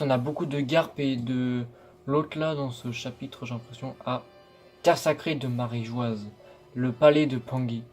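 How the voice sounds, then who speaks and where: A man's voice: mid-range voice, a little mellow. A tired man reading a manga chapter aloud and commenting on it, stumbling over words as he goes. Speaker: manga reaction streamer.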